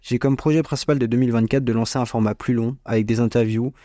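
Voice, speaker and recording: Mellow young man hosting a casual podcast. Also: medium pitch, steady tone, fast talker, no room sound, studio quality. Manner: informal, slangy, chatty. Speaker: podcast host. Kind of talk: scripted casual monologue. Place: small bedroom at parents' home, dry sound. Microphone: small home microphone.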